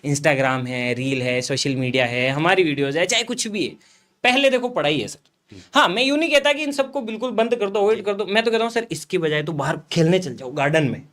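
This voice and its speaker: A young guest influencer's animated, fairly bright, higher voice moves fairly quickly as he recounts failing and returning to his studies for students in a motivational chat. He stays earnest and direct, saying guys to viewers and often calling the host sir.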